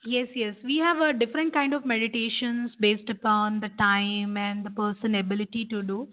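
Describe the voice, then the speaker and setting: A woman's voice: fairly high pitch, fairly even intonation, normal speed. A woman with an Indian accent explaining as a meditation teacher, repeating phrases for emphasis. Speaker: meditation teacher and guest expert. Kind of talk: explanatory interview talk, guiding meditation. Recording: tinny, narrow phone-line sound.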